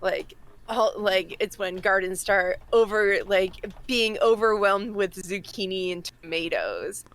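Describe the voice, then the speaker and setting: Female podcast co-host, Massachusetts accent, mid-pitched voice, informal and a bit halting. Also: lively intonation, a bit bright. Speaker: podcast co-host presenting a segment. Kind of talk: casual chat.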